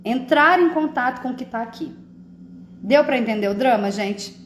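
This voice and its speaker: A woman's voice: on the high side, normal speed, echoey room, slight background noise. A woman hosting a live stream, talking casually about emotions and often checking that listeners follow. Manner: conversational, often asks "entende?".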